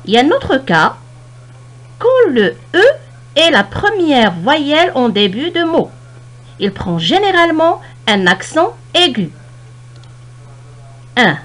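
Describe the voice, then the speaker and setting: A woman teacher from Morocco walks through a spelling lesson at an unhurried, careful pace. Her slightly high voice rises and falls a lot as she stretches out each example word. She explains patiently, one rule at a time. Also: a bit bright. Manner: slow, deliberate explanation, stressing and stretching example words.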